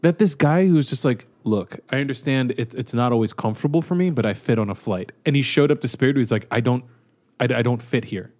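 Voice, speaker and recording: A man's voice: medium pitch, quick pace, darkish tone. A man in casual conversation, wry and questioning, thinking his points through aloud. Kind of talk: casual chat.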